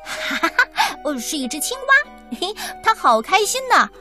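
A woman's voice: high voice, sing-song, a little slow, fairly bright tone, soft background music, heavily acted. A woman voicing a cheerful, thoughtful little male mouse who talks eagerly.

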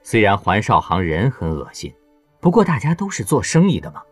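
Low male narrator, animated storytelling, dry close mic, faint music. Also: fairly quick, breathy edge, no echo. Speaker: audiobook narrator. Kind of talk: scripted narration.

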